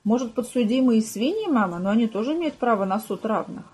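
A patient, dry middle-aged detective, as read by a woman narrator, his lines close to her own reading voice. The sound is mellow and a little husky, with no strong put-on. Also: fairly high pitch, lively intonation, fast. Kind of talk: audiobook character voice.

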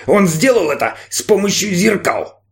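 A grumpy robot with a sarcastic, grumbling way of talking, voiced by a male storyteller. It sits fairly high and moves its pitch around freely as it mutters its sour remarks. It is a storybook robot with a sullen temper. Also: big pitch swings, normal speed, creaky, heavily acted. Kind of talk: audiobook narration with character voices.

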